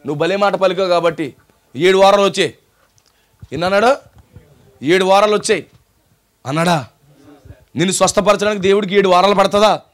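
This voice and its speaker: Speaking fairly quickly but with long pauses, the Telugu-accented pastor preaches in a high, ringing voice. Rhetorical questions and call-and-response come in waves as he retells the story and drives the point home to the congregation.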